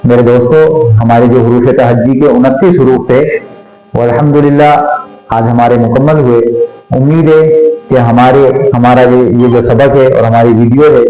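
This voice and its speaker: A man's voice: mid-range voice, dark tone. A man teaching Quran letter pronunciation, patiently repeating each sound so learners can copy it. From Pakistan. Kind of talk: slow Quran recitation lesson. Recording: echoey room with faint music.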